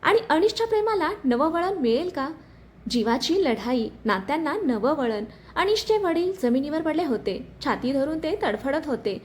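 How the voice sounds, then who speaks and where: Expressive woman narrating a story. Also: high voice, moderate pace, slight background noise. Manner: dramatic, expressive reading.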